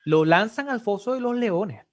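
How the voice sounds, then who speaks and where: This is a preacher in full sermon mode, voice pitched in an ordinary middle range, throwing question after question at the listeners. The delivery is animated and emphatic, with sudden exclamations punching through the storytelling. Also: moderate pace. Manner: animated, rhetorical questions to the congregation.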